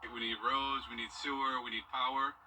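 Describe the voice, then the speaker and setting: A man's voice: mid-range voice, flat delivery, normal speed, recorded from a distance. A man giving casual, conversational answers as a local interviewee. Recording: off-mic, faint background noise.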